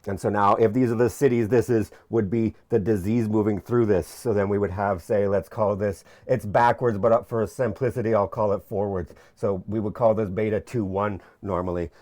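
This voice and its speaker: A man's voice: on the low side, fairly even intonation, moderate pace, hardly any pauses, a little mellow. A young man explaining his PhD research in an informal whiteboard lecture, chatty and jokey, often restarting his sentences. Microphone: camera mic.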